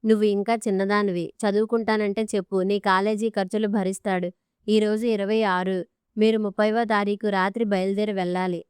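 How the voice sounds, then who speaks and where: A woman's voice: mid-range voice, flat delivery, a little fast, darkish tone, clear, resonant tone, dry recording, clean studio sound, close to an everyday voice. A woman reading an audiobook story, voicing a stern, commanding older father-in-law. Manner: commanding, blunt.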